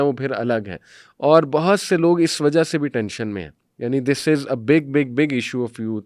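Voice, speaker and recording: A man's voice: medium pitch, clear, resonant tone, no room sound, clean studio sound. A man hosting a podcast, talking reflectively in a casual discussion and often slipping English phrases into his speech. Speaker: podcast host.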